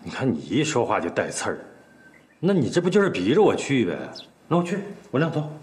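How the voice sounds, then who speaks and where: A reluctant village husband in a rural TV drama, grumbling in a Northeastern Mandarin accent. He talks fast, and his pitch rises and falls a lot. Faint noise sits behind him. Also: wildly swooping pitch.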